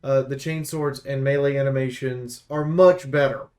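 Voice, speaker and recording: A man reviewing video games offers casual, off-the-cuff commentary, animated and opinionated, rambling along with casual slang. His voice sits in the mid range and moves at a moderate pace.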